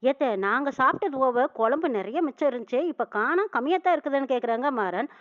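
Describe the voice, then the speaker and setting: Fast high-voiced woman retelling a serial. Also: lively intonation. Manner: recounts dialogue quickly, quoting each character with tags. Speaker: serial recap narrator. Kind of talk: casual retelling of a TV serial episode. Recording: tinny phone-like lo-fi audio.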